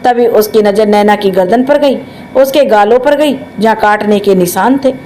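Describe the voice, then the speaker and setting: A woman storyteller reading a family drama aloud in a steady, dramatic way, in a storybook narration style. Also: mid-range voice, normal speed, a little hiss or hum.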